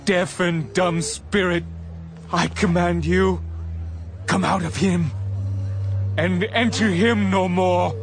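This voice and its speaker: An actor playing Jesus as a grave, authoritative teacher and healer in a dramatized audio Bible, speaking in a measured way. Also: male voice, high voice, fairly even intonation. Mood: commanding. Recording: background music under the voice.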